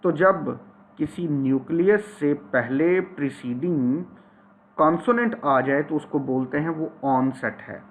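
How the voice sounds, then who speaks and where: A man teaching a phonetics lecture. He reads English passages slowly, then explains them at length. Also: on the high side, low-quality recording.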